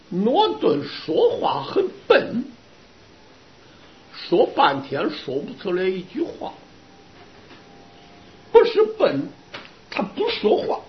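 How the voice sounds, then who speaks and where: Man preaching with lively rising pitch. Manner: lively storytelling with rhetorical questions. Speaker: Buddhist Dharma teacher. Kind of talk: sermon to students. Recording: dull lo-fi recording.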